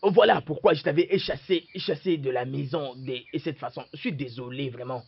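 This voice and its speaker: A man's voice: mid-range voice, fairly quick, creaky, husky. A man dubbing a hesitant young man in a film, stammering through many fillers. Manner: stammering, full of "euh" fillers. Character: hesitant young man caught between two women. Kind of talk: French-dubbed film acting. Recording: dull lo-fi dub with music behind.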